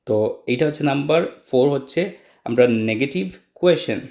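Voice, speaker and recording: Guy teaching english online, slow example sentences, roomy echo. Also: medium pitch, lively intonation, gravelly, darkish tone. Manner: explains step by step, models English sentences slowly with rising questions. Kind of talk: online lesson.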